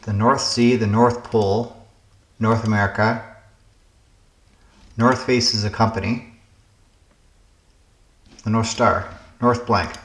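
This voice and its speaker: A man's voice: fairly low pitch, steady tone, takes it slowly, long pauses, a bit bright, echoey room. A man hosting a puzzle game channel, casually thinking aloud through word puzzles, musing and hesitating as he guesses.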